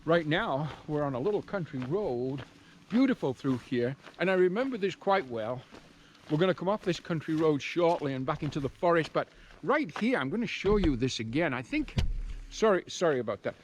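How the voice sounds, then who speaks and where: A man's voice: on the high side, animated, moderate pace, poor audio. A man talking casually to viewers as he walks outdoors, musing and often interrupting himself in a rambling way. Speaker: hiking vlogger. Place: outdoors, walking on a rural trail and country road. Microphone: handheld camera. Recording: outdoor background noise. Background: outdoor ambience with noise.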